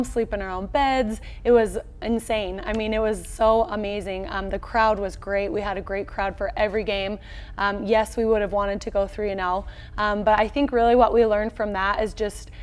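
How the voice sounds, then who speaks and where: In a small indoor locker-room set, an American woman in her thirties talks as a volleyball head coach in a conversational sports interview. Her voice is medium-pitched, and she comes across as upbeat, colloquial and direct.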